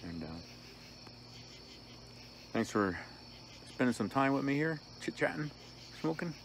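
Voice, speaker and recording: A relaxed man from New Jersey chatting casually to camera with a pipe clenched in his mouth, outdoors at night. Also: medium pitch, slight background noise. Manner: relaxed, rambling, unhurried. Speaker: pipe smoking vlogger. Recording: outdoor night with loud crickets. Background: crickets chirping.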